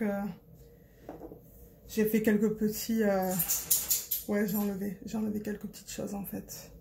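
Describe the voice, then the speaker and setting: A woman's voice: a little high, dark tone, slight background noise. A woman from Marseille with a Marseille accent, chatting casually to her phone in a vlog, rambling and searching for words. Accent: Marseille French. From Marseille, France. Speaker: diamond painting vlogger. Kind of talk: casual chat to camera.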